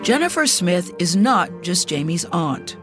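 A woman narrating a news feature in a measured, serious way. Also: on the low side, big pitch swings. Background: music bed.

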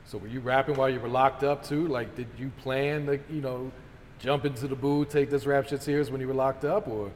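A male interviewer talks quickly in a mid-pitched voice. He is casual, slangy and affirming, with room reverb and faint noise around him. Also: fairly even intonation.

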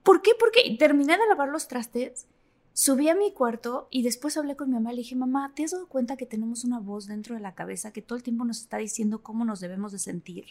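Mexican woman, podcast co-host, slightly high voice, animated casual storyteller. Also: quick pace. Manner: animated, acts out inner voices.

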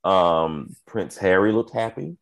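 A man co-hosting a podcast in casual chat, expressive and quick to laugh. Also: low voice, vocal fry. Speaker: podcast co-host.

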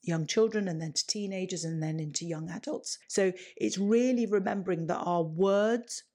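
A woman's voice: on the low side, moderate pace, warm tone. A woman hosting a solo podcast, explaining advice step by step and often rephrasing as she builds lists. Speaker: parenting podcast host.

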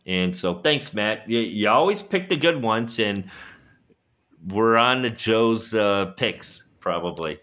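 A man's voice: lowish voice, animated, slow, fairly bright tone. A man co-hosting a casual podcast chat, giggly and crude, joking with his friends. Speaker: podcast co-host.

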